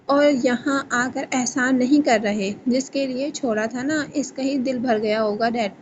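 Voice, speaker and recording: A woman's voice: high voice, highs cut off, slight background noise, close to an everyday voice. A woman reading the lines of a bitter, angry young male boss in a romance novel reading. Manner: sharp and scornful.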